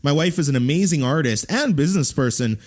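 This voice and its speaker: A man in his thirties hosting a podcast, talking in animated bursts with frequent restarts. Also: fairly high pitch, quick pace. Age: 30s. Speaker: podcast host. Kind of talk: casual interview chat.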